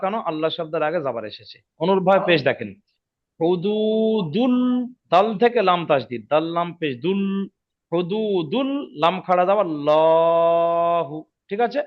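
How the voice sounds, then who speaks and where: A man's voice: high-pitched, lively intonation. A man teaching Quran reading rules in an online lesson, patiently repeating each rule and checking if his students follow. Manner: slows down and drawls when demonstrating recitation. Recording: dull lo-fi audio.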